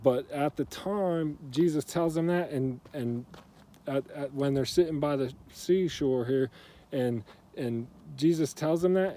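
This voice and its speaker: A man giving a casual church devotional, relaxed and conversational, with lots of fillers as he retells a story in plain everyday words. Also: mid-range voice.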